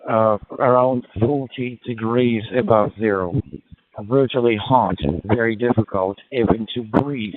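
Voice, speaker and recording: A man on a ham radio link, calmly giving call signs and a plain weather report. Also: mid-range voice, no room sound. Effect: heard over a ham radio link. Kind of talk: casual radio contact. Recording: narrow tinny radio audio, dry.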